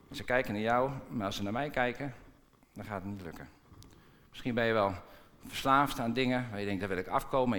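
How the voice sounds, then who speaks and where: A man delivers a sermon with lively, dramatic pacing, slipping into different tones as he acts out quoted dialogue. His voice rings out with the long reverb of a large church hall. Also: medium pitch. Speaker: preacher.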